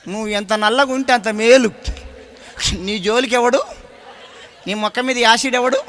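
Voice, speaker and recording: A male preacher with a Telangana Telugu accent, giving a folksy storytelling sermon in a blunt, animated way. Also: very high-pitched, normal speed.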